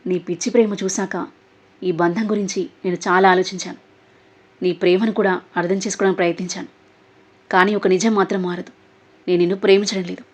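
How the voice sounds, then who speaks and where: A woman's voice: fairly low pitch, fairly quick, long pauses, natural voice. A woman voicing a proud, defiant young woman who speaks firmly and steadily. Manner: firm, steady. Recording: dull lo-fi audio.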